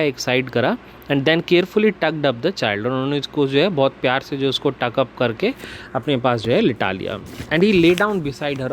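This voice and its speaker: A man teaching a class lesson, reading each English line slowly before explaining it at length in Hindi. His voice is mid-pitched, and a faint hiss sits under the recording.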